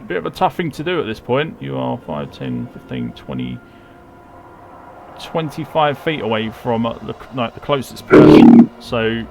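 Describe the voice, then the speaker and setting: A man's voice: medium pitch, very animated, moderate pace, vocal fry, background noise. A man running a tabletop game as game master, narrating in a hesitant way as if thinking aloud. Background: music.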